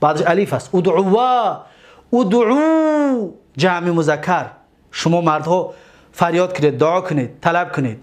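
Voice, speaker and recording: A man with a Tajik-accented Persian voice teaching an Arabic grammar lesson, reciting verb forms slowly and often checking that listeners follow. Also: a little high. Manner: drills verb forms slowly, stretching each word.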